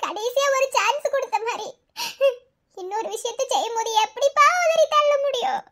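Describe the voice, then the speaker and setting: A woman's voice: animated, normal speed. A woman voicing a devoted young village daughter in a cartoon, speaking with a Madurai Tamil accent in an emotional, pleading way. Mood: tearful. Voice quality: very high, girlish. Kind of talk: cartoon voice acting.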